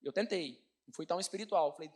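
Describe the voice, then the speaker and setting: This pastor, a man with a Brazilian Portuguese accent, delivers a sermon story quickly and with great animation. He keeps calling the congregation his brothers, his voice bright and pitched high.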